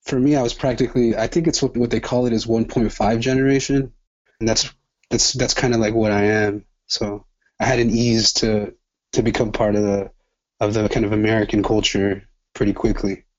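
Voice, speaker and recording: In a muffled recording, a man in his twenties speaks at a normal speed in a fairly low, fairly even voice. Born in El Salvador and raised in Los Angeles, he is a doctoral student appearing as a guest in a conversational interview, thoughtful and reflective, often restarting his sentences.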